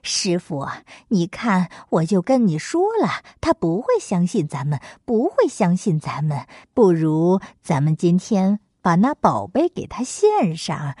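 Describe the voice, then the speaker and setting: Cocky male monkey king, lowered and coaxing, played by a woman storyteller. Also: a little mellow, no room sound, studio quality, heavily acted.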